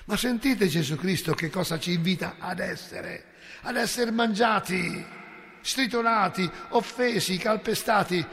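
A priest delivers an impassioned sermon in a fairly high, gravelly voice, dropping to near whispers and then rising to ringing cries. His words hang in the long reverb of a church. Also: a little hiss or hum. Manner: impassioned, rhetorical, swings between hushed and loud.

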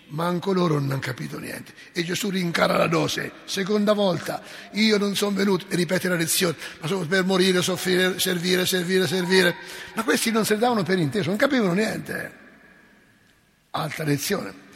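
A man's voice: high-pitched, gravelly, fairly bright tone, in a large hall. A male preacher telling a gospel story to his congregation, acting out the voices and asking them questions. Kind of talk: sermon. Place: church.

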